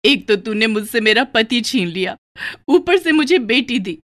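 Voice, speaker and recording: A woman voicing a poor widowed village mother in a storybook tale. She speaks softly and faintly in a low voice. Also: expressive, moderate pace. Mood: despairing prayer. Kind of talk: storybook voice acting.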